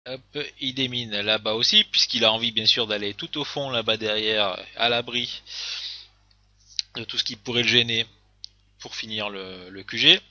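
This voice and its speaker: A man's voice: on the low side, steady tone, normal speed, sharp tone, no echo, highs cut off. A man casually commenting on game replays, hesitant, with many fillers and restarts.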